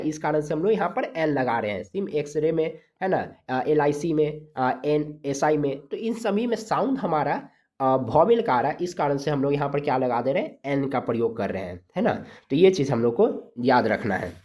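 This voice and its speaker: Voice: mid-range voice, darkish tone. Grammar teacher from india going thru rules step by step, stretches out the letter sounds, keeps checking in. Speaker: exam-prep English grammar teacher. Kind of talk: lesson.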